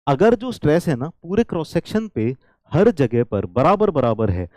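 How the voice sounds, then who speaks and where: A man gives an engineering lesson in a fairly high, very animated voice, mellow rather than bright in tone. He keeps checking with the class, repeats his key points and drops into English now and then. The sound is dry and close. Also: normal speed, no room sound. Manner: switches into English lines. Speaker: teacher. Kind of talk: engineering lecture.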